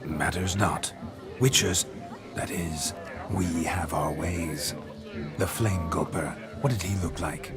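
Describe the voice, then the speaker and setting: An actor playing a stiff, self-important monster hunter in a video game, speaking formally and pompously. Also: male voice, sits low, takes it slowly. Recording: game music under the voice.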